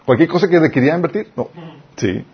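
A man's voice: on the high side, animated, fast talker, breathy edge, highs cut off. A man preaching a sermon. He reads scripture aloud, stops to explain it, and asks his listeners questions. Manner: addresses the audience as "chicos", asks them questions.

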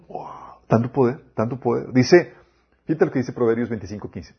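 A man's voice: medium pitch, slightly rough, dull audio. A man preaching a sermon, quoting scripture and asking his listeners rhetorical questions.

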